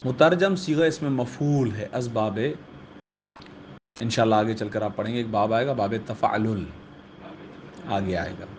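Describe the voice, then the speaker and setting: A man's voice: lowish voice, pauses often, a little mellow, slight background noise. A man, a religious teacher giving a classroom grammar lesson who keeps checking in with his students.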